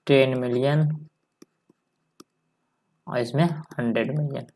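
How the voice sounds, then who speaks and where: A male maths teacher giving a step-by-step lesson, dictating slowly and repeating each number as he writes it. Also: mid-range voice, fairly even intonation, a little mellow. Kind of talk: step-by-step lesson while writing on a board.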